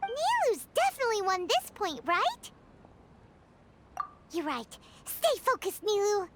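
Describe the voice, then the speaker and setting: A woman voicing a tiny, excitable, childlike fairy companion with a squeaky voice in a video game. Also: a little slow, background noise, exaggerated voice. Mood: cheering. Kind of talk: scripted video game voice acting.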